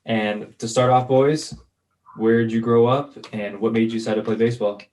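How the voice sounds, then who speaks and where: A man's voice: medium pitch, fairly even intonation, moderate pace, darkish tone. A man hosting a casual interview, asking direct questions in a friendly way.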